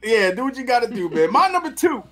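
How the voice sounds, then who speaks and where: A high-pitched man riffs through a casual podcast chat. His voice swings up and down as he jokes, full of slang and laughter. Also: fast. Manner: animated, joking, uses slang. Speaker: podcast co-host.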